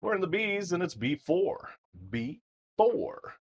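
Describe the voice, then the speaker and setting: Male bingo caller needed: playful, swinging pitch, slow deliberate number calls with repeats. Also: sing-song, lo-fi sound. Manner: playful, repeats each call in drawn-out fashion.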